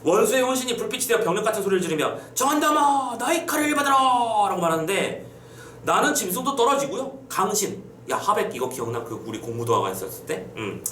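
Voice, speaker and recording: A man teaching a class in a casual, playful style, chatting informally and quizzing students with quick questions. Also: sits high, very animated, a bit bright, recorded from a distance. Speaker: Korean literature teacher. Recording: roomy, off-mic, faint hum.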